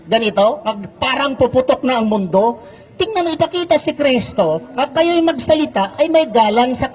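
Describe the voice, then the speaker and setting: Filipino male preacher, very high pitch, combative debater on a handheld mic outdoors. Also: low-quality recording. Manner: argumentative, keeps repeating calls to relax and wait. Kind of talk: heated street debate. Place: outdoor public gathering. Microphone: handheld microphone.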